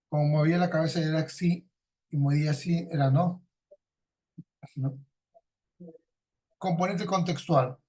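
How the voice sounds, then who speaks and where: A male teacher with a fairly high-pitched voice lectures a class. He repeats points to drive them home, draws on everyday examples and ends almost every sentence with a checking "no?". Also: darkish tone. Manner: tags nearly every sentence with a questioning "¿no?".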